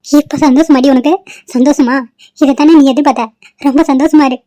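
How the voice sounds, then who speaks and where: A woman's voice: high voice, steady tone, fairly quick, warm tone, dry recording, natural voice. A woman voicing a harsh, scheming pregnant stepmother in a cartoon, who wails and curses. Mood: wailing accusing. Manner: wailing, cursing. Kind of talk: Tamil cartoon voice acting. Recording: dull lo-fi dry recording.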